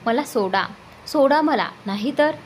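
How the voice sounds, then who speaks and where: A woman's voice: a little high, expressive, unhurried, slight background noise. A woman voicing a young wife in a romantic storybook reading. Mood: frightened. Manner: pleading, teasing. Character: young wife, startled then playful.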